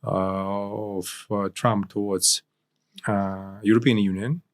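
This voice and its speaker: Low-voiced man. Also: little pitch movement. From Ukraine. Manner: halting non-native phrasing with frequent restarts. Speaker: political analyst guest. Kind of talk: interview discussion.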